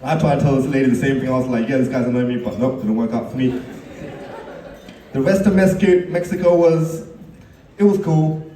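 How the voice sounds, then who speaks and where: A man's voice: mid-range voice, moderate pace, long pauses, warm tone. A man giving a teasing best man's speech at a wedding, laughing at his own stories. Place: wedding reception hall. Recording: echoey hall, mic at a distance.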